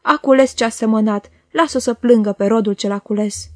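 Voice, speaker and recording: A woman's voice: fairly high pitch, darkish tone, no room sound, clean studio sound, lightly acted. A woman reader voicing a proud, bitter, jealous young woman who speaks with scornful, impassioned force in an audiobook. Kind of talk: audiobook character voice.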